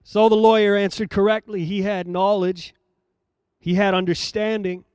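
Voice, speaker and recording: High-voiced man preaching a measured sermon. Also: little pitch movement, darkish tone, clear, resonant tone, no room sound, clean studio sound. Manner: measured, emphatic, repeats phrases for effect. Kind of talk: sermon reading and explaining scripture.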